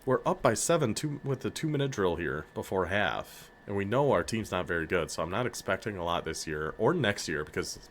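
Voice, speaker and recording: A man with a northern American accent giving casual, excitable commentary on his football video game, hyping up his players and laughing often. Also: sits low, a little fast, few pauses, a little hiss or hum. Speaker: gaming YouTuber.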